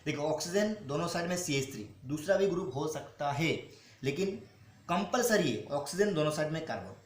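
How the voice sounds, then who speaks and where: Echoey teacher repeating questions himself. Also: male voice, fairly high pitch, animated. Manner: repeats questions and answers them himself, calls students "beta"; slows down to spell out formulas. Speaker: chemistry teacher. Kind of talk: classroom-style teaching. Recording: echoey room with faint noise.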